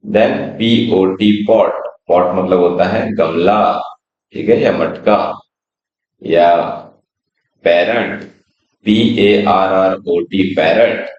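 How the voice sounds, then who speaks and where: A man's voice: deep voice, steady tone. A man teaching children phonics, patiently spelling words out letter by letter and explaining each one. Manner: spells words out slowly letter by letter, then gives the Hindi meaning; patient, checks in often with "theek hai". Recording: roomy, slightly dull sound.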